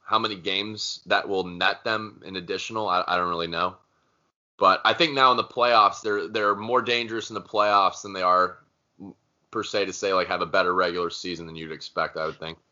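A man's voice: low voice, fairly even intonation, moderate pace, pushed and bright. A man co-hosting a casual sports talk show, blunt and opinionated, teasing his co-host. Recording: dull lo-fi sound.

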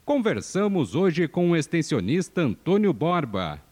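A man's voice: fairly high pitch, sing-song, measured pace. A Brazilian man speaking as a public radio host, in a scripted announcing style. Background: music behind the voice.

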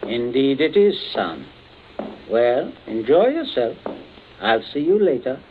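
Animated, menacing gentleman patriarch. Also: medium pitch, slow. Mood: genial, unruffled. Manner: polite, clipped orders, falsely jovial. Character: genteel, menacing middle-aged father, coolly commanding at gunpoint. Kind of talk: old-time radio drama acting. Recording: tinny band-limited old radio, faint noise.

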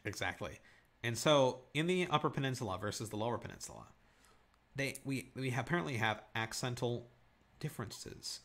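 A man co-hosts a relaxed podcast chat. He is from Michigan, and his voice swings a lot in pitch. He reads aloud and jokes along the way. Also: moderate pace. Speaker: podcast co-host. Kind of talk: casual chat.

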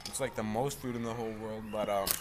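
A man's voice: on the low side, fairly even intonation, fast, very noisy. A man chatting casually about food, rambling and playful, repeating words, sounding a bit stuffy.

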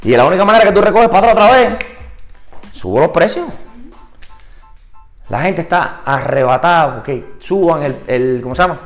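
Animated man coaching. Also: normal speed, pauses often, faint music behind. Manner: animated, rises high and loud for emphasis, then drops low and quiet; rhetorical questions and asides to the audience. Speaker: real estate business coach. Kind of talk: live seminar talk to agents.

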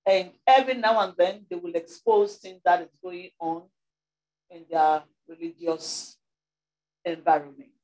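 Lady pastor preaching, gets loud then drops soft, slow and roomy. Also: fairly low pitch, fairly even intonation. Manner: emphatic preaching, swings between loud and soft. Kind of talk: sermon.

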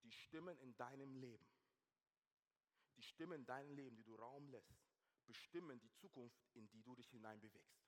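A man preaching a sermon, shifting from hushed intensity to loud, animated storytelling. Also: mid-range voice, normal speed. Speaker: pastor. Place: church hall. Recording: long church hall reverb.

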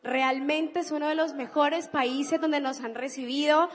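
A Colombian woman with a high, bright-pitched voice delivers a motivational business talk, enthusiastic and emphatic. Her voice carries a long hall reverb, as if she is speaking in a large convention hall. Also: fairly even intonation, unhurried. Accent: Colombian (Cali).

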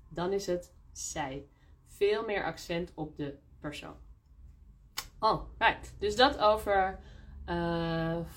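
A woman teaching Dutch in a live-streamed question-and-answer lesson, explaining slowly and repeating words in Dutch and English. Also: fairly low pitch. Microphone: phone.

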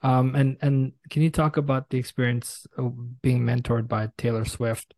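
A man from Brooklyn with an American accent, interviewing on a podcast in an effusive, halting way. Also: medium pitch, level tone, darkish tone, dry recording. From Brooklyn, New York. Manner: effusive, halting delivery with repeated words.

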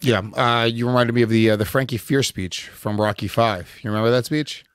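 A man co-hosting a podcast, talking quickly and bluntly with jokes, also reading an ad. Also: mid-range voice, fairly even intonation, clear, resonant tone, no echo, studio quality. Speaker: podcast co-host. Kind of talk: casual podcast chat and ad read.

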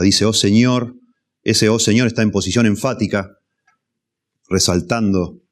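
A man preaching an expository sermon, measured and repeating key phrases for emphasis. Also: on the low side. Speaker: pastor.

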